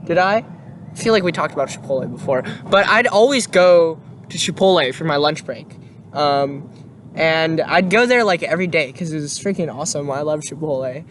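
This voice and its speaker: A man's voice: a little high, animated, moderate pace, fairly bright tone, slight background noise. A young man co-hosting a casual podcast, telling a story in a rambling way with many fillers and restarts. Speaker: podcast co-host. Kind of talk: casual chat.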